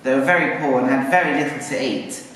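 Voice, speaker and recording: At a live puppet show in an arts centre, a male narrator and puppeteer tells a story informally, coaxing the children with questions. His medium-pitched voice is quick and a bit bright, captured by a distant mic in an echoey hall with faint noise.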